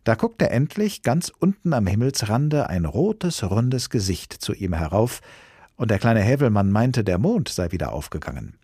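Lively man reading a fairy tale. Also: on the low side, normal speed, slightly rough, no room sound, studio quality. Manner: lively, voices the characters. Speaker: storyteller.

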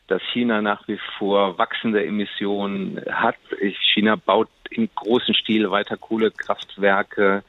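A man giving a measured, argumentative interview answer. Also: on the low side, no room sound. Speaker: interview guest. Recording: phone-line interview.

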